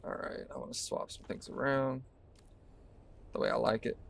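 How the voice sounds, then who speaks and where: Gravelly guy streaming a game, laid back, talking through every move. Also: mid-range voice, normal speed, slight background noise. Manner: relaxed, talks through each move while playing. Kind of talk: casual gameplay commentary.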